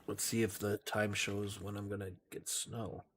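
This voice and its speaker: A man's voice: fairly low pitch, little pitch movement, normal speed, fairly bright tone, husky. A man hosting a casual live game stream, muttering to himself as he plays and laughing easily with a friend. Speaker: livestream host. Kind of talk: casual gameplay chat.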